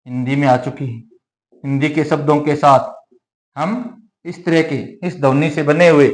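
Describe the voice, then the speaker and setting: A man with a fairly high voice teaching a grammar class. He asks questions aloud and answers them himself, repeating key terms. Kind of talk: classroom-style lesson.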